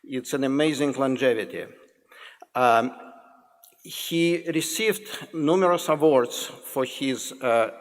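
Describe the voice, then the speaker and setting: A man with a Russian accent giving a joking, formal introduction to a public lecture, pausing and restarting often. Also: mid-range voice. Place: large lecture hall. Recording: lecture hall with long reverb.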